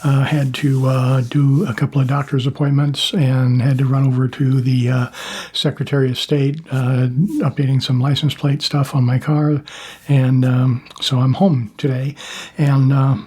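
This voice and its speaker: Husky older American man talking plainly. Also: mid-range voice, level tone, moderate pace, mellow. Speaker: YouTube host, former Marine. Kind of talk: casual monologue to viewers.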